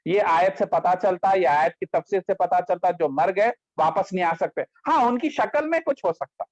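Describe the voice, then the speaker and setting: A man giving a religious lecture on scripture, explaining with emphatic rhetorical questions and sharp rises and falls in his voice. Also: animated, dry recording. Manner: emphatic, rhetorical questions, quick shifts in pitch. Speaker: Islamic teacher. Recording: dull lo-fi, dry sound.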